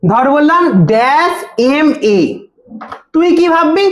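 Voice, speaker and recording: A woman's voice: high-pitched, slow pace, reverberant. A woman tutoring a grammar lesson in a casual way, who keeps asking and answering her own questions and repeats the key answers.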